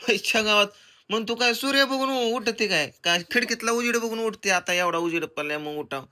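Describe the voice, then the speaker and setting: A man's voice: sits high, a little fast. A young man, scolding and teasing his wife in a comic family vlog. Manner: scolding, teasing, loud and bossy. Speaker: comedian vlogger, husband and father.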